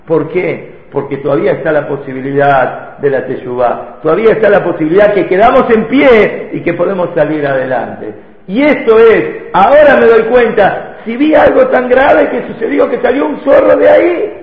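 In a hall before a live audience, a male Torah teacher delivers a religious lesson as a story, peppered with rhetorical questions. His voice is high, and the recording sounds thin and phone-like, with lo-fi quality and echo from the hall.

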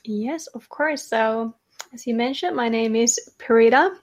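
A woman with a Finnish accent, a guest in an interview, speaking softly and in a measured way with some hesitations. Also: on the high side. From Finland. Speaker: guest, cycle coach. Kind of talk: conversational interview.

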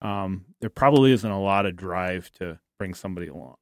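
A man from with a slightly low voice, speaking in a casual podcast chat about church life. He talks thoughtfully and haltingly, restarting his sentences often. The sound is dry and close. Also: no echo. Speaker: guest.

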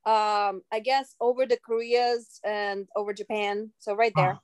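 A woman's voice: mid-range voice, flat delivery, unhurried, smooth, no echo. Reflective Russian-born woman, dry close sound. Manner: reflective, searching for words. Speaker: podcast guest. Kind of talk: casual podcast chat.

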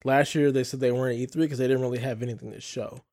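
A man hosting a casual podcast chat in a relaxed, upbeat way. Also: medium pitch, rapid-fire. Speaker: podcast host.

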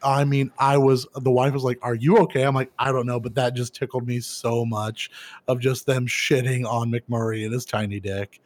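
A man's voice: mid-range voice, normal speed. Laid-back swearing man on a podcast. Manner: laid-back, swears freely, gets loud and animated retelling funny scenes. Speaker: podcast co-host. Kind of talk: casual chat.

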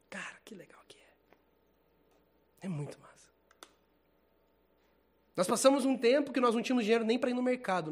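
A man preaching in a loose, chatty way, full of slang and quick laughs. His voice sits high for a man. He swings from near-whispered asides to loud, excited bursts. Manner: casual, animated, slangy preaching, laughs often. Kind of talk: informal sermon.

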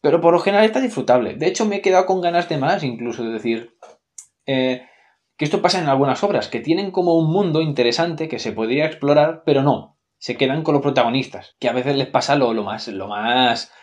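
Sarcastic Spanish-accented man reviewing films. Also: brisk. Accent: Spain Spanish. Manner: sarcastic and expressive, swears freely, with big swings in pitch. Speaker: film reviewer. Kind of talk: casual opinionated commentary.

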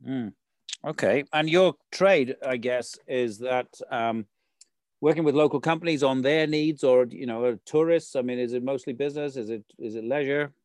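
Man, show host, mid-range pitch, very dry sound, chatty, rambling conversational questions. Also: normal speed, a little mellow, dry recording. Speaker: interviewer, local show host. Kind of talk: conversational interview.

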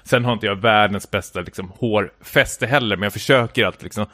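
A man's voice: on the low side, sharp tone, no room sound. Rambling male storyteller, dry sound. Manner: rambling storyteller, heavy filler words, stumbles and restarts. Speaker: podcast co-host telling a story. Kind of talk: casual chat, anecdote.

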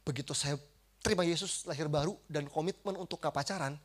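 A man giving a lively testimony as a preacher, acting out quotes and swinging between loud bursts and hushed passages. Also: on the high side, fairly quick.

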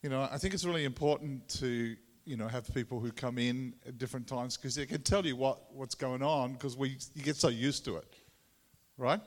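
Tassie accent aussie guy preaching casually, stop-start delivery, big echoey hall reverb. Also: mid-range voice. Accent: Tasmanian Australian. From Tasmania, Australia. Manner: halting, conversational, repeats words. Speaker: visiting preacher. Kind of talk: informal sermon to a congregation. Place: large room or hall, speaking to a congregation.

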